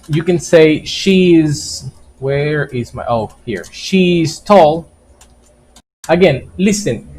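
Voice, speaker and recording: Slow-talking man teaching grammar. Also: on the high side, a little mellow, poor audio. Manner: explains slowly, repeats key points and keeps checking with "right?". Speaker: English teacher. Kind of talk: live online grammar lesson.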